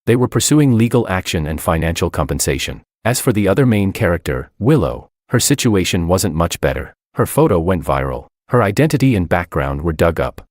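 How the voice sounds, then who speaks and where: Deep-voiced man narrating a story. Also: big pitch swings, brisk, few pauses, darkish tone, dry recording, clean studio sound. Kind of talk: first-person story narration.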